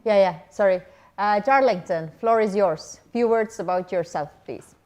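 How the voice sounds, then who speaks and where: A woman moderating an online panel, who hands over the floor briskly to each speaker. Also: medium pitch, a little mellow.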